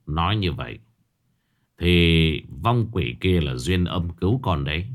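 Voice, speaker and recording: Man voicing a stern older stepfather, deep hushed voice, grave, slow and weighty, storybook figure. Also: expressive.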